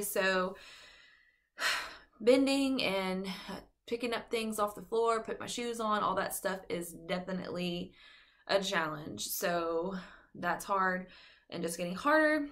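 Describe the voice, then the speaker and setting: Her voice sits at a medium pitch with a slight brightness. A young woman vlogger, heavily pregnant and slightly breathless, rambles through a chatty update packed with fillers and the word "like."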